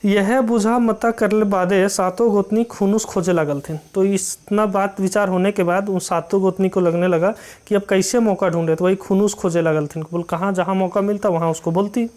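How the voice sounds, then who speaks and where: A teacher explains a folk tale, reading dialect lines slowly and then restating them in plain words with many fillers. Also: mid-range voice, fairly even intonation, darkish tone.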